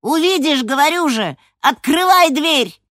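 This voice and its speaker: Storybook rat, proud and impatient, put on by a woman narrator, animated swoops. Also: on the low side, moderate pace, breathy edge, dry recording, studio quality, exaggerated voice. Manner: eager, teasing, smug. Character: cocky male pet rat, playful and proud.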